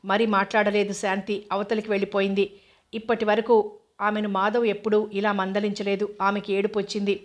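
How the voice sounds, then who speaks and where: A woman narrating a novel in a steady, even reading voice. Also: medium pitch, fairly quick. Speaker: audiobook narrator.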